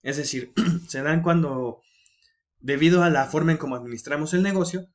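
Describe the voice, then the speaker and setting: A man's voice: on the high side, moderate pace. A man teaching a recorded online business class, explaining in a conversational way with fillers and frequent restarts.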